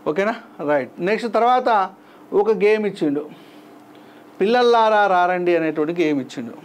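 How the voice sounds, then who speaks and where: A man's voice: high voice, expressive. A man teaching an exam-prep lesson, saying each word twice for the class to repeat. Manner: sings song lines slowly.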